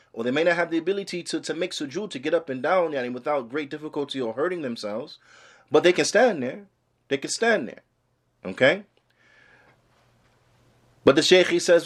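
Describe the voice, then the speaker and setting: A man teaching an Islamic class like a preacher, explaining a text phrase by phrase and repeating points to exhort, switching between English and Arabic. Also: on the high side. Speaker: religious teacher giving a class.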